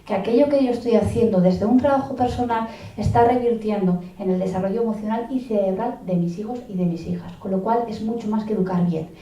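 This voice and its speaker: Woman lecturer, mellow voice, talk taped from a distant mic in a big roomy hall, chatty, keeps checking in. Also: medium pitch, brisk. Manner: conversational, checks in with listeners often. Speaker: lecturer on parenting. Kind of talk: conference talk. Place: conference hall.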